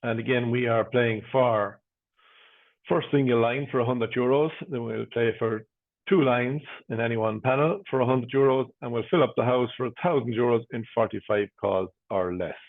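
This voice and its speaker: An Irish man hosting and calling bingo in a measured singsong patter, with paired digits and number nicknames. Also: mid-range voice. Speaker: bingo caller and host. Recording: phone-like, narrow-band sound.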